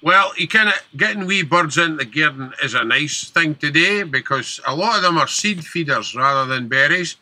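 A man's voice: fairly high pitch, expressive, normal speed, few pauses, bright, forceful tone, dry recording. A man with a broad Scottish accent giving casual, folksy gardening advice as a panel expert, using Scots words.

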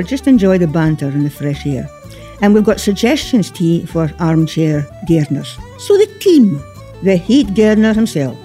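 Female presenter, broad Scots, soft mellow tone, bantering and chatty, faint music bed at times. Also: fairly low pitch. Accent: Scottish. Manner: Scots dialect words, bantering. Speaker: radio host. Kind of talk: chatty gardening programme presenting.

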